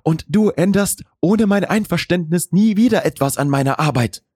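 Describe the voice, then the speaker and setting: A man's voice: high voice, lively intonation, normal speed, darkish tone, breathy edge, no room sound, clean studio sound, pitched above the performer's own voice. A man voicing a proud young woman architect, clipped and indignant in an audiobook romance.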